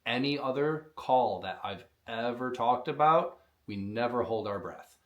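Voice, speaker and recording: A man's voice: medium pitch, expressive, unhurried, fairly bright tone, dull audio. A man teaching how to use an open reed predator call, explaining in a plain, practical way. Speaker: call maker teaching coyote calling. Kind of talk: instructional demonstration.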